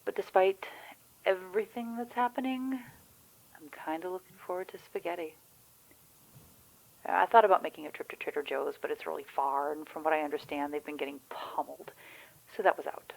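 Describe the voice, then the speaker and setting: A woman with a low, steady voice and vocal fry speaks fairly quickly on a low-quality recording. She plays a chatty, wry, anxious Michigan woman on the phone during a zombie outbreak in a naturalistic audio drama, rambling candidly with the odd swear in a mood of resigned worry.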